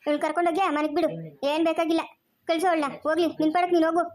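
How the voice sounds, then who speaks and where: A woman's voice: very high-pitched, flat delivery, very fast, a little mellow. A woman playing a harsh older mother-in-law in a family drama skit, scolding with contempt. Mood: scornful.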